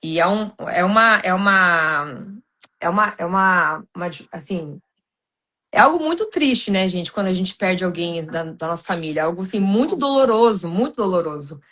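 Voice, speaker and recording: Uma mulher brasileira, com sotaque brasileiro, fala com sinceridade em um podcast cristão, com muitas hesitações e recomeços. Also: female voice, lowish voice, lively intonation, normal speed, sharp tone. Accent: Brazilian Portuguese. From Brazil. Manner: earnest, many restarts and fillers, addresses listeners as "gente". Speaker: podcast guest.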